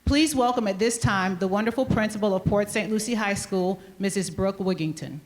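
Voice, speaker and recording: A woman principal giving a measured, formal podium speech, reading a scripted ceremonial welcome. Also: medium pitch, a little mellow, a little hiss or hum. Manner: formal, measured address to an assembly. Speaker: high school principal.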